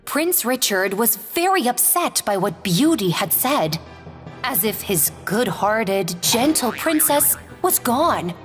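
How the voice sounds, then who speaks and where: Woman reading a kids fairy tale, slow and sing-songy, big reverb, soft music behind. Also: on the high side. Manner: gentle, expressive read-aloud. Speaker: storyteller. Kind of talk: scripted fairy-tale narration.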